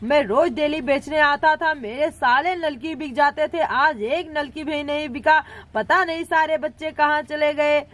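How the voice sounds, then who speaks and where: Woman voicing a street snack vendor, sing-song calls, drawn-out, high voice. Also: fairly bright tone. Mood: puzzled. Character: village street snack seller, middle-aged man. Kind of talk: storybook doll-play voice acting.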